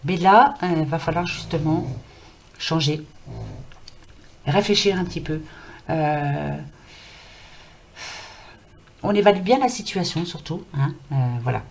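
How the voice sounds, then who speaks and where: A French woman gives a casual tarot reading to camera, chatty and reassuring, with many fillers. Her throat is scratchy and she is losing her voice, which sits low and moves slowly with long pauses.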